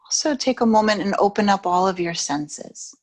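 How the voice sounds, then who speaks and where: A female yoga teacher leads a yoga nidra meditation, soothing and unhurried, with long pauses separating her phrases. Her medium-pitched voice is expressive and carries a somewhat dark tone.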